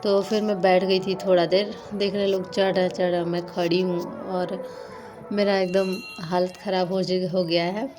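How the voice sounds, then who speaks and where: A woman's voice: on the low side, level tone, normal speed, darkish tone, faint music behind. A young adult woman narrating a casual vlog in a chatty, rambling way with lots of fillers. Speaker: vlogger.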